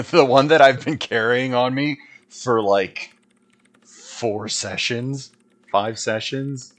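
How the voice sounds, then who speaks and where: A man's voice: medium pitch, fairly even intonation, slow. A man giving casual gameplay commentary, thinking aloud informally and reading dialogue options out. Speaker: game streamer.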